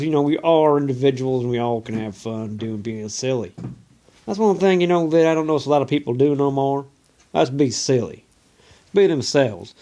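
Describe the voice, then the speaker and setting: A man talks in a put-on Southern redneck drawl, loose and folksy. His voice sits at an ordinary middle pitch. He rambles casually into a phone, peppering every thought with "you know.". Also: warm tone. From Oregon, US. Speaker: vlogger. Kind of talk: casual rambling monologue to camera.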